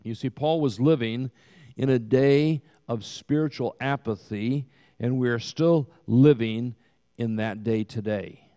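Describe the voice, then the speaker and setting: A man in his sixties preaching a sermon as pastor, with slow, emphatic delivery that swells to loud peaks, recorded in a church sanctuary. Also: mid-range voice. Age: 60s. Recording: long hall reverb.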